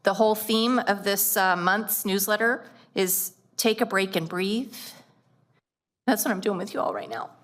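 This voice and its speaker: A woman's voice: medium pitch, steady tone, a bit bright. A woman on a school board speaking earnestly at a public meeting, getting choked up and stretching out words for emphasis. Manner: earnest, emotional, drawn-out emphasis.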